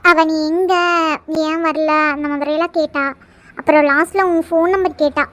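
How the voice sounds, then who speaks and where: Squeaky chatty cartoon college girls. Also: fairly even intonation, normal speed, a bit bright, no room sound. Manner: chatty, teasing. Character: chatty teenage college girl friends. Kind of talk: cartoon voice acting.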